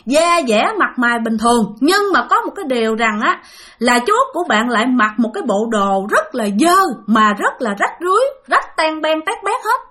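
A woman's voice: high voice, sing-song, normal speed, sharp tone. Chatty woman telling a ghost story. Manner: chatty, addresses listeners directly. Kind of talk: spoken ghost story narration.

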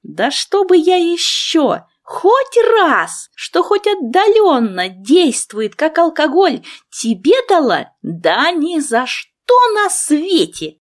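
Young witch friend, skeptical and teasing, higher voice, slow delivery, as a female narrator puts her on. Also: very animated, heavily acted. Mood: exasperated. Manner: exasperated and teasing.

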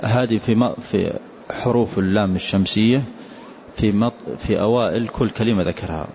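This man, teaching as a sheikh, goes over a student's recited line again with patience and then explains it. He talks at a moderate pace in a fairly low, slightly mellow voice, and the lesson recording is dull, lo-fi and faintly hissy.

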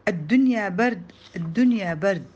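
A woman voicing a cheeky young boy who teases a classmate, in a lower, drawn-out mocking voice. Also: animated, a little mellow, breathy edge, lo-fi sound. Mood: teasing.

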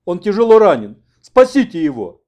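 A man's voice: on the high side, big pitch swings, normal speed, dark tone, muffled recording, voice pushed up. A man voicing a stout male interpreter with a nasal, whining voice. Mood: pleading.

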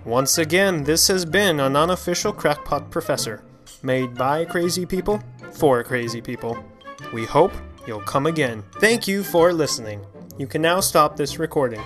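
Brief: man reading homemade audio-drama credits, bright tone, tongue-in-cheek formality. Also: fairly high pitch, animated, moderate pace, soft background music.

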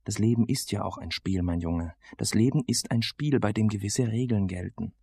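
A man doing a slow, frail old teacher. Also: on the low side, vocal fry, dark tone, slightly rough, dry recording. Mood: earnest. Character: frail old male teacher, sick with flu.

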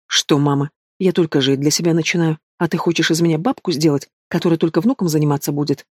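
A man's voice: a little high, fast talker, a little mellow, husky, no echo, studio quality. A man voicing a blunt, reproachful middle-aged mother who lectures her daughter, in an audiobook. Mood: scolding. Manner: bossy and reproachful.

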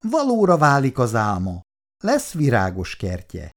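A proud, ceremonious young neighbor in a 1960s radio play, formal and polite. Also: male voice, medium pitch, very animated, darkish tone. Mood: solemn. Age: young adult. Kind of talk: 1960s radio drama acting.

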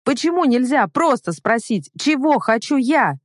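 A woman's voice: fairly low pitch, animated, normal speed, a little mellow, no room sound. A reader voicing a stubborn, hurt young woman in a storybook reading, pleading and emotional, in a dry recording. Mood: defiant.

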